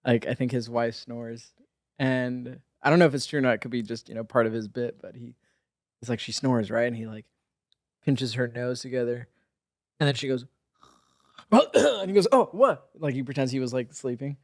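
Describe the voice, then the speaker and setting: A laid-back man rambling through stories on a podcast, often saying "dude." His voice sits at a middle pitch for a man. The sound is close and dry. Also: flat delivery, brisk, no room sound. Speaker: podcast co-host. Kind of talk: casual chat.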